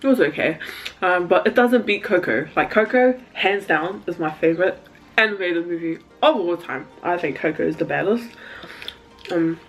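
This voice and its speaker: A woman's voice: lowish voice, lively intonation, normal speed, low-quality recording. A woman vlogger chatting casually to camera while eating, talking loosely with many "like"s and frequent laughs. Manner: chatty, laughs often, lots of "like". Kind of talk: casual mukbang chat to camera.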